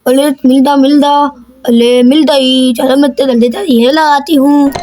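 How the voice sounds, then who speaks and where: A bossy, playful doll girl, voiced by a woman bustles about in a homemade doll story. The voice is pushed lower and louder than the narrator's own. It still sits very high for an adult woman. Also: steady tone, normal speed, no room sound, faint music behind, lightly acted. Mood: busy.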